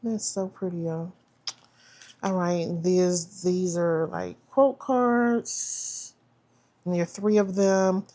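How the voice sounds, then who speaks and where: A woman's voice: fairly low pitch, takes it slowly, mellow, a little hiss or hum. A woman chatting casually as she unboxes a planner subscription box, trailing off and restarting, and saying "y'all". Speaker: planner vlogger.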